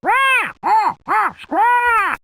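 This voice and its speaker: Brief: shrill, panicky game parrot, very high and bright, drawn-out squawks, crisp dry sound. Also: female voice, expressive, no room sound, exaggerated voice. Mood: frantic. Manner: panicked pleading. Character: squawking frantic talking parrot, small. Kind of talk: video game voice acting.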